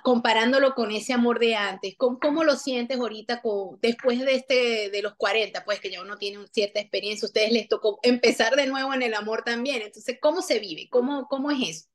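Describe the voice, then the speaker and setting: Rambling higher-voiced woman co-host. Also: brisk, few pauses. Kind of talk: casual chat.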